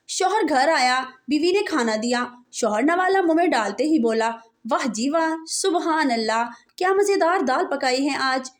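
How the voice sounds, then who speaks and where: Female joke reader, high voice, quick setups and punchlines. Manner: punchlines followed by canned laughter. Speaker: joke teller. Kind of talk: reading out short jokes.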